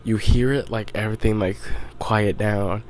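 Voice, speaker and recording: Young male podcast host, low-pitched, rambling casual recap, filler-heavy. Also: fairly even intonation, normal speed, darkish tone, slight background noise. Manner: loose storytelling, heavy on "like", swearing.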